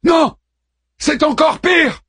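A man performs an urgent, pleading older man with a raised voice, pitched above his own natural voice in an exaggerated way. The delivery is very high-pitched with huge pitch swings, slow and a bit bright, recorded dry with clean studio sound.

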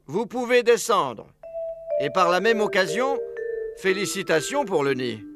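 A man voicing a stern, vengeful male duck in an audiobook, speaking in slow, measured questions. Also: high-pitched, big pitch swings, loud music behind the voice. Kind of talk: audiobook character reading.

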